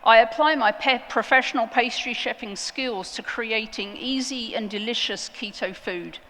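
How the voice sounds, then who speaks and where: Woman, slightly high voice, unhurried conference talk, earnest and emphatic, echoing hall. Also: fairly bright tone. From outside the United States. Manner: earnest, emphatic with deliberate pauses. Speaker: conference speaker. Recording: long hall reverb.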